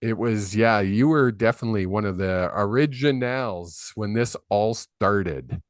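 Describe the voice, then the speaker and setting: This psychic medium host keeps up casual, rambling live-stream chat full of fillers, speaking at a measured pace in a voice on the low side. A desk microphone on a video call captures him in studio quality, without any room sound.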